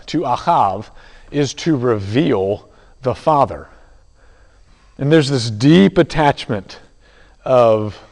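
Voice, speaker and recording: Pastor teaching in a reverberant hall. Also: male voice, mid-range voice, a little mellow. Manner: conversational, halting with restarts and fillers. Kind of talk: sermon teaching.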